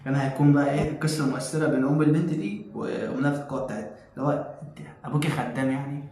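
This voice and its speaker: A man's voice: on the high side, steady tone, rapid-fire, darkish tone. A man with an Egyptian accent hosting a reaction video, making mocking, sarcastic comments. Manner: mocking, sarcastic, laughs at the clip. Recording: very echoey room, faint noise.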